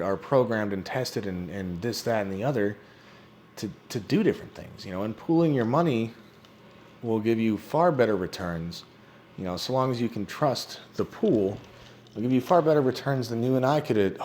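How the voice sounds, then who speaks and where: Low-voiced man, casual explainer, noisy recording. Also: animated, normal speed, a little mellow. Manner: informal, conversational, frequent 'you know'. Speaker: presenter explaining a crypto project.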